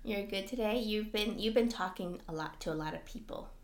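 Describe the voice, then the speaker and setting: A woman co-hosting a podcast in casual chat, talking in an animated way with lots of fillers. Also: mid-range voice, fairly quick, roomy sound. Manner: chatty, animated, frequent "like" fillers. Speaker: podcast co-host.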